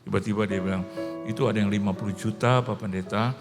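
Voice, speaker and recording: Older male pastor, animated storyteller, live church recording with a long echo. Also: fairly low pitch, quick pace, over music. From Indonesia. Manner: animated, acts out voices of people in his stories. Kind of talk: storytelling sermon. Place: church hall.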